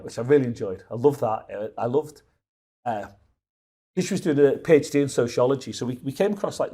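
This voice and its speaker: Dark-toned and breathy, his voice sits in the mid range. He's a Liverpool man in his fifties appearing as a guest in a casual conversational interview, telling rambling stories and frequently starting his thoughts over.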